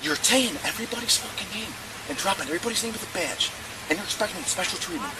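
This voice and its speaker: A man's voice: high-pitched, expressive, fast. A male police officer scolding and barking orders at a man, recorded outdoors on a body camera. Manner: harsh, scolding, commanding. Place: outdoors on a residential street. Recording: body cam audio with heavy crowd noise.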